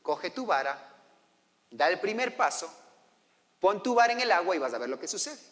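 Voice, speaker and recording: Stern god giving orders, preacher doing it, deep and quiet, churchy echo. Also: male voice, sing-song, normal speed. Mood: commanding. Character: stern commanding male God. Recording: long church hall reverb.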